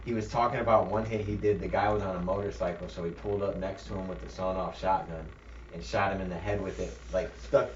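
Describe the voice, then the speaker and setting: A man's voice: low-pitched, fairly even intonation, fast, reverberant, far from the mic, dull audio, slight background noise. A man chatting casually on a podcast, telling crude stories and laughing as he goes. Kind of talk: casual chat.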